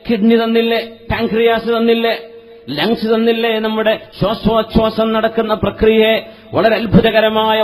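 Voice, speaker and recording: A man preaching a sermon, asking the audience many rhetorical questions and chanting Arabic verses in a slow, melodic recitation. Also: sits high. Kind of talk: Islamic sermon.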